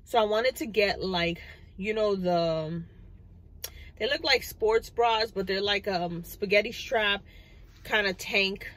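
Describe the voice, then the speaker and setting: A woman's voice: medium pitch, takes it slowly, a bit bright, poor audio. Chatty woman vlogging from her car. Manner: chatty, rambling, many fillers. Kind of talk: casual chat. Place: parked car, indoors. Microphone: phone camera on the dashboard.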